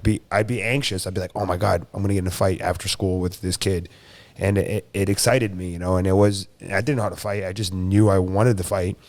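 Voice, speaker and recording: Low-voiced man with a dry sound. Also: a little mellow, no echo. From Brazil, raised in South Florida. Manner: rambling, frequent "you know" and "uh" fillers. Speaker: guest, jiu-jitsu competitor and coach. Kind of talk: casual interview chat.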